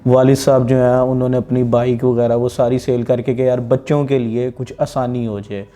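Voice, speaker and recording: A man's voice: medium pitch, little pitch movement, normal speed, warm tone. A man, giving a detailed, aggrieved account in an interview. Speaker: interviewee, affected plot buyer. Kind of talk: interview testimony.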